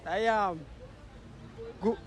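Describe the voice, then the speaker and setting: A chatty man with a Trinidadian accent, interviewed outdoors on the street, rambles casually and wanders away from the question. He speaks very slowly in a high-pitched voice.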